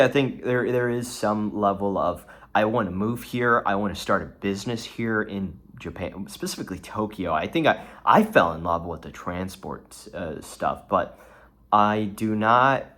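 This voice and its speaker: Recording a solo vlog, this young adult from Texas speaks in a low voice with a bit of brightness. His talk wanders, packed with false starts and fillers.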